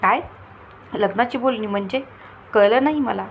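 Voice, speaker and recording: Woman reading a story doing a bubbly young girl about to get married, whiny and pleading, middle pitch. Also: moderate pace, highs cut off, a little hiss or hum, natural voice. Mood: eager. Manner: lively, pleading, teasing. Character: young woman, playful, impulsive bride-to-be.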